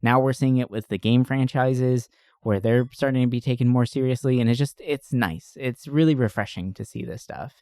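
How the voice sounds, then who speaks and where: A man hosts a casual podcast about entertainment, talking informally about films and games with slangy phrasing, frequent "like" and "you know," and occasional swearing. He speaks at normal speed in a medium-pitched, slightly mellow voice that is clear and resonant, recorded in a clean studio with no echo.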